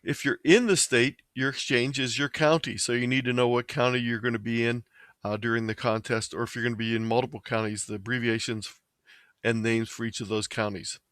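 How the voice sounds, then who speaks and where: An American presenter from Ohio walks through an amateur radio tutorial as a slideshow, explaining things plainly and methodically. His voice is medium in pitch, level in tone, a bit bright, and a little fast. The sound is dry and close, with no room sound.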